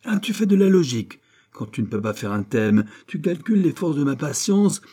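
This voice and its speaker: A man voicing a furious old priest schoolmaster in an audiobook, shouting heavy-accented scolds. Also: medium pitch, unhurried, close to an everyday voice. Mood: scornful.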